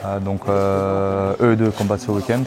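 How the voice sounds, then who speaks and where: Coach guy, lowish voice, lots of euhs, crowd noise behind him. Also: flat delivery, normal speed. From Belgium. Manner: thoughtful, hesitant, with many fillers. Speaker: MMA club coach. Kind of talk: casual interview answers.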